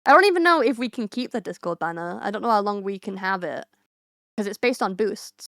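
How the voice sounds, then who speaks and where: A woman's voice: mid-range voice, lively intonation, a little fast, a bit bright, dry recording, studio quality. A woman streamer chatting casually with her viewers, rambling with lots of fillers and restarts.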